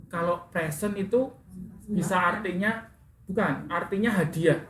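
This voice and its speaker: A man's voice: high voice, measured pace, a bit bright. A man teaching an English class, correcting his students' pronunciation and asking them questions. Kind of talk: classroom instruction. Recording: echoey classroom with faint room noise.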